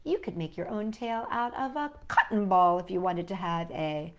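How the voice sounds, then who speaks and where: This storytime host reads children's stories and poems aloud with expression, speaking directly to young listeners. Her voice is on the low side, animated, and at normal speed.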